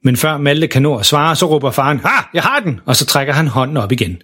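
A man narrating a children's story in a lively, expressive way. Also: mid-range voice.

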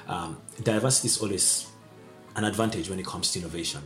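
Young man from Nigeria, optics PhD student, earnest interviewee with a lowish voice over light music. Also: fast, fairly bright tone. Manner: earnest, repeats words for emphasis. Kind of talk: interview testimony.

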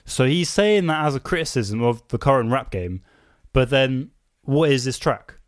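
A man's voice: mid-range voice, animated, normal speed, dry recording, clean studio sound. A man bluntly criticizing songs in casual podcast chat. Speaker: album reviewer.

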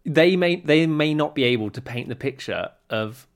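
A man's voice: a little high, expressive, normal speed. A young man co-hosting a podcast, chatting casually in a wry, teasing, rambling way. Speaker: podcast co-host. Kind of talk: casual chat.

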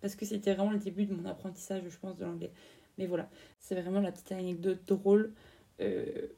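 Gravelly-voiced young woman telling a story. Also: medium pitch, level tone, fairly quick, mellow, distant mic. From France. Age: 20s. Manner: chatty, lots of fillers and slang. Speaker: podcast host. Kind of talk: casual storytelling podcast.

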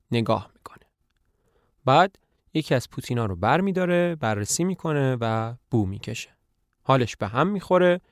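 A man's voice: mid-range voice, no room sound, clean studio sound. A man reading out a play, casually telling its stage directions and who speaks. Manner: plain storytelling of stage directions. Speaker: reader of a play. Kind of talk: casual spoken retelling of a play script.

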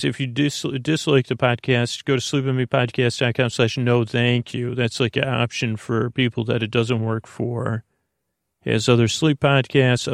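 A podcast host with a mid-range voice and vocal fry delivers a rambling bedtime monologue meant to help listeners sleep. He meanders and halts, reassuring the listener, often repeating himself and trailing off mid-thought. The recording is dry and studio quality.

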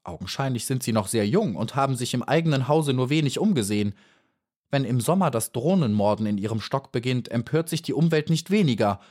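A man's voice: mid-range voice, animated, a little fast, darkish tone, pitched above the performer's own voice, natural voice. A man voicing a large female dragonfly in a storybook, haughty, condescending and predatory.

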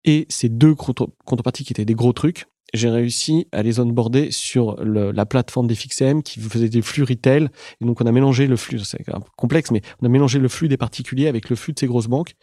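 A middle-aged man recounts his early business days in a relaxed, mellow voice. He talks haltingly, full of fillers and restarts. The sound is dry and close. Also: mid-range voice, dry recording. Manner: hesitant, many fillers and restarts. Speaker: entrepreneur guest. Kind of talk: casual interview storytelling.

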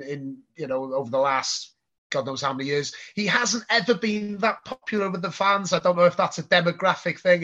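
A man's voice: on the high side, bright, forceful tone. A man chatting casually about football on a podcast, hesitant, with lots of ums. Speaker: podcast guest. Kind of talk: casual chat. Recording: slightly muffled audio.

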